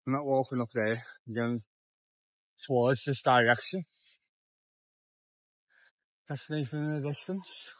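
A man's voice: medium pitch, steady tone, measured pace, long pauses, fairly bright tone, no room sound. A young man, chatty and a little tipsy, rambling and repeating himself as he films a walking vlog on town streets with a handheld phone. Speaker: vlogger. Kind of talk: casual walking vlog commentary. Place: outdoors on town streets at dusk.

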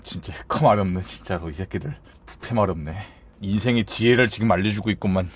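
A man's voice: lowish voice, fairly quick, breathy edge, no room sound. A man streaming a game and chatting casually, playful and theatrical, swinging between squeals and mock-stern grumbling.

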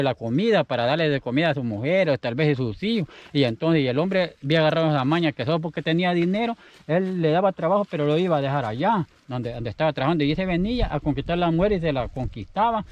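A man's voice: on the high side, expressive, fast, few pauses, darkish tone, dry recording, muffled recording. A Salvadoran man telling a story in casual, rambling speech, often repeating himself. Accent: Salvadoran Spanish. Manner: chatty, rambling, repeats his words. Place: outdoors in the countryside.

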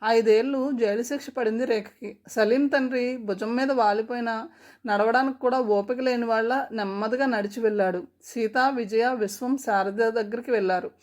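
A woman's voice: on the high side, fairly even intonation, normal speed, a little mellow. A woman narrating a story aloud and reading every character's lines herself, with small changes of voice. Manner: reads every character in her own voice, with small shifts.

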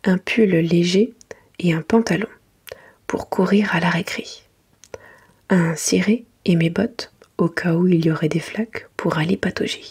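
A woman narrates a children's bedtime book in a very breathy, mostly whispered ASMR voice. Her pitch sits a little low. She reads gently and carefully, as if to young children. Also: measured pace. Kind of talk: soft whispered ASMR bedtime story reading.

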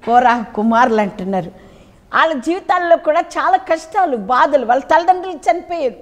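A middle-aged woman bishop giving a sermon with a personal testimony, emotional and pleading, rising into high urgent cries and dropping to low quiet lines. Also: animated, fairly quick. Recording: long hall reverb.

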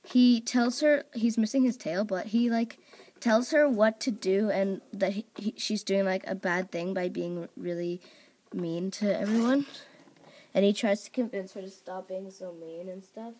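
A young woman making a video introduces her characters in a casual chat at a toy-covered table at home, her mid-range voice unhurried, fairly even and a little mellow. She rambles, fills gaps with fillers, and scolds her dog off-mic.

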